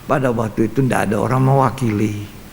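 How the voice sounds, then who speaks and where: A man's voice: on the low side, fairly even intonation, brisk, a little mellow, slight background noise. An older man preaching a Bible study sermon as pastor, emphatic and repetitive, acting out scenes, in a reverberant church hall.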